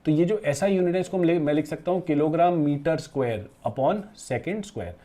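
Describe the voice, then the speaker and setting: A physics teacher with a slightly high, warm voice lectures at a board at a normal pace, walking through the material step by step. He often puts questions to his students, fondly calls them "beta" and "bachche," and mixes English terms into his speech.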